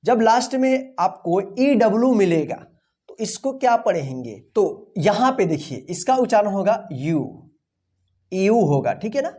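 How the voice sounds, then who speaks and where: A woman's voice: mid-range voice, very animated, measured pace, dark tone. A woman teaching English pronunciation, spelling words out letter by letter and repeating each one patiently with a rhetorical question. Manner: patient, repeats each word and asks "what will we read?". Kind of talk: classroom-style phonics lesson.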